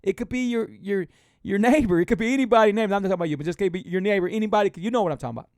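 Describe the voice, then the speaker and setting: Racing along in a high voice, a motivational speaker in his late forties delivers a loose, repetitive pep talk to live viewers, animatedly pushing them on. The recording is studio quality with no room sound.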